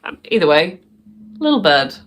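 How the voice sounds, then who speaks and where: A woman casually vlogs to camera about her crafts, chatty and rambling, laughing often. Her deep voice is sing-song at a moderate pace, and she sounds bunged up and sniffly, her nose stuffy from sneezing.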